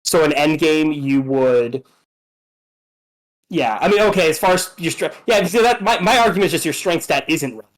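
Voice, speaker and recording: A man's voice: a little high, expressive, moderate pace, rough recording. A man casually explaining game strategy, hesitant, with many fillers and restarts.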